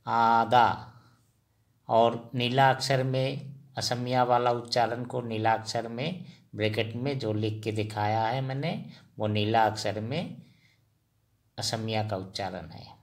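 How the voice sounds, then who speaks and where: A man teaching vocabulary slowly, repeating each word and quizzing his listeners. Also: medium pitch. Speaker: language teacher. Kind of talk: slow spoken vocabulary lesson.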